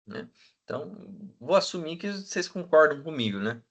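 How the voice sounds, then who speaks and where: A man teaching a class, checking in with the students all the time and filling pauses with hesitant sounds. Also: a little high, big pitch swings, creaky. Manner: asks the class for agreement constantly; fills with "né?" and hesitant "é". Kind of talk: classroom lecture.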